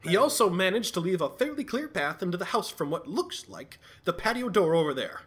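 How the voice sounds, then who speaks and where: A man acts out a scatterbrained radio-play detective who puts on airs but panics easily. The voice is bright and lively, with a wide, sing-song swing in pitch. He talks in a theatrical, self-important way. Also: fairly quick. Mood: pompous. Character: cowardly, pompous, scatterbrained male sleuth. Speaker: bumbling detective in a radio-drama parody. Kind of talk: 1940s radio acting.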